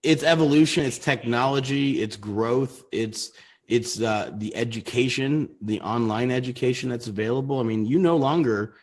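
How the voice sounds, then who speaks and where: Husky rambling man in his thirties. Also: mid-range voice, moderate pace, darkish tone. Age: 30s. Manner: rambling, restarts sentences. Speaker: co-host. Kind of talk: casual livestream chat.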